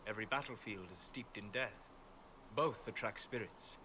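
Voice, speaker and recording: Guy acting a calm scholarly game mage, wistful dream guide type, formal and lowish voice. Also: moderate pace, noisy background, lightly acted. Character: calm, scholarly apostate mage, a male dreamer of ancient memories. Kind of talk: video game dialogue.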